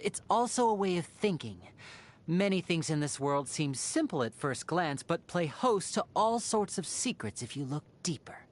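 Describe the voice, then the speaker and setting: Lively, playful young magician Lyney. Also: female voice, low-pitched. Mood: musing. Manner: theatrical, teasing, smooth showman. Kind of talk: video game character voice lines.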